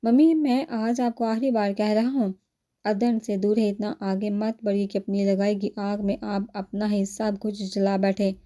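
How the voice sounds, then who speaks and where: Angry young guy laying down a stern last warning , a woman reading it out, dark mellow voice. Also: mid-range voice, little pitch movement, natural voice. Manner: stern, threatening. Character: furious young man warning his mother.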